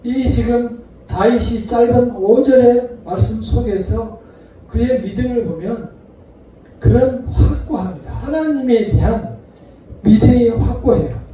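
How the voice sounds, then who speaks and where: A man preaching a sermon as a pastor, earnest and deliberate, leaning on repeated emphasis. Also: very high voice, muffled recording, a little hiss or hum. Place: church sanctuary. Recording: echoey room, voice picked up from a distance.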